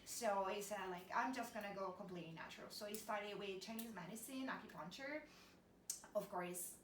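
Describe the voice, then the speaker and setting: A woman's voice: mid-range voice, a little fast. A woman guest in an interview, talking about her work in a hesitant way with many fillers. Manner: hesitant, filler-heavy, agreeable. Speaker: guest, skincare product maker. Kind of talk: casual interview chat. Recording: echoey room, distant mic, faint noise.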